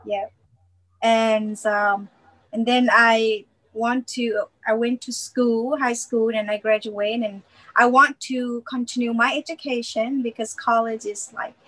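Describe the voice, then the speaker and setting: Woman from Myanmar, interview guest, simple halting English, a bit high. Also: flat delivery, a bit bright, low-quality recording. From Myanmar, grew up in Thailand. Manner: simple phrasing, many "you know" fillers. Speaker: missionary guest. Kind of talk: interview answers.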